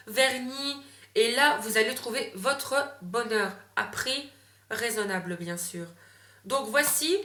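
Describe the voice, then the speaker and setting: A young woman talks through gift ideas in a casual vlog, full of fillers and restarts. Her voice is bright and a little higher than usual. The room around her gives a clear echo. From Belgium. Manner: chatty, many fillers and self-corrections. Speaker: beauty vlogger.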